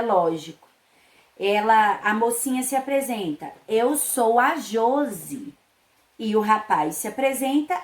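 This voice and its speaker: A woman's voice: on the high side, reverberant. A woman teacher with a Brazilian Portuguese accent, patiently reading a school lesson to children and stressing syllables.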